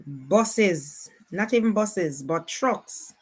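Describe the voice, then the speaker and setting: Breathy at the edges and animated, this woman's low voice carries her Jamaican accent through loose, unscripted stream commentary. She takes her time, saying her exclamations more than once.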